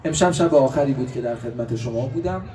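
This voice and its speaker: A man, a cleric, preaching a religious sermon to a gathering with impassioned rhetoric that swings between loud and quiet. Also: medium pitch. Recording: echoey room, distant mic, faint hiss.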